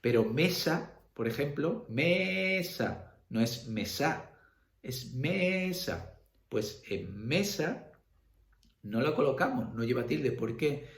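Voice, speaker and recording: A man's voice: mid-range voice, expressive, measured pace, echoey room. A man from Spain with an Andalusian accent, a secondary school language teacher giving a recorded lecture, full of fillers and checks for understanding. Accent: Andalusian Spanish. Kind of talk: classroom lecture video.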